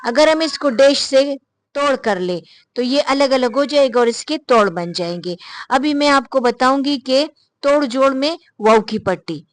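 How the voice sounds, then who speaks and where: A woman's voice: high-pitched, animated, no room sound. A woman teacher explaining a lesson step by step, patient and repetitive, slipping English words into her speech. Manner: patient, repeats and points things out step by step. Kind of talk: explaining a lesson to young learners.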